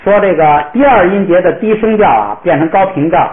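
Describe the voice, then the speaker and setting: A man teaching a classroom pronunciation lesson, patiently modeling words slowly for the class to repeat. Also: high-pitched, lively intonation. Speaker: language teacher. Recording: echoey room, tinny phone-like sound.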